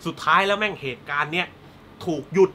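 Fast-talking bright-voiced man. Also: high voice, a little hiss or hum. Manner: profane, joking, animated storytelling with sound effects. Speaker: film recap host. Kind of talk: casual film spoiler recap.

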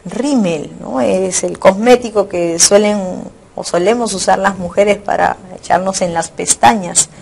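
A woman teacher speaks in a recorded lesson at an ordinary middle pitch. She explains step by step, restating each point in new words. She keeps checking in with her students through short tag questions. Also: unhurried, gravelly, a little mellow. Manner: repeats and rephrases points. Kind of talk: recorded online lecture.

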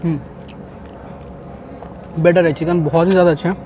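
A man's voice: fairly high pitch, fairly even intonation, normal speed, muffled recording, slight background noise. A young man vlogging a casual food review, chatting as he tastes dishes at an outdoor rooftop restaurant. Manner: chatty, tastes and comments between bites.

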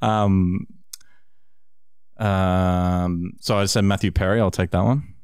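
A man's voice: low-pitched, fairly even intonation, takes it slowly, a little mellow, clean tone, dry recording, studio quality. A man co-hosting a casual podcast, laughing often and questioning the rules. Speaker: podcast co-host.

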